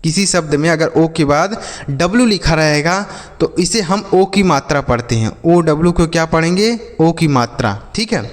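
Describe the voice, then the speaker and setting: A man's voice: fairly high pitch, animated, normal speed. A man leads a children's phonics lesson in a slightly raised voice. He spells words letter by letter and drills each one with a question and an answer. His voice rings with a long reverb, as if in a big bare room. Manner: repeats each word as a call-and-response drill. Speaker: English teacher.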